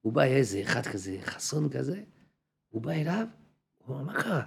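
A man's voice: mid-range voice, sing-song, creaky, breathy edge. A man giving an informal religious class to a group, acting out dialogues and repeating phrases for emphasis. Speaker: religious teacher.

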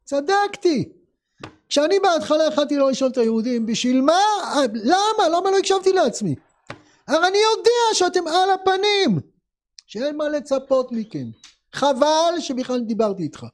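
A man's voice: extremely high pitch, sing-song. A man voicing an exasperated king who regrets a conversation and fires off indignant rhetorical questions.

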